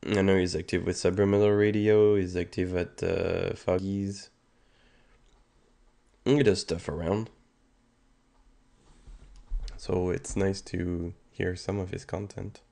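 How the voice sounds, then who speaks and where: Here a Canadian streamer in his 30s, congested and sore-throated, rambles through casual livestream chat about music. He speaks low and level with vocal fry and a warm tone, slowly and with long pauses, stumbling over many ums and restarts.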